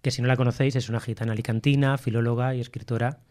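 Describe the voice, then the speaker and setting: Male radio host, relaxed, jokey, loses the thread now and then. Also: mid-range voice, racing. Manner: jokey, rambling, loses his train of thought. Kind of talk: casual chat.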